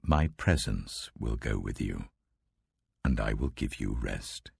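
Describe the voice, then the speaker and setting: British guy doing god in a bible audiobook, stern and majestic, rumbling low, husky, slow and commanding. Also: expressive, no echo, clean studio sound, full character voice. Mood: solemn, merciful.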